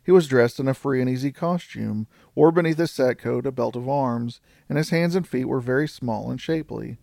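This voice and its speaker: A man reading a story aloud as narrator in a steady, even storytelling style. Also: mid-range voice, normal speed, creaky, dry recording, clean studio sound. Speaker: audiobook narrator. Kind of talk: scripted narration.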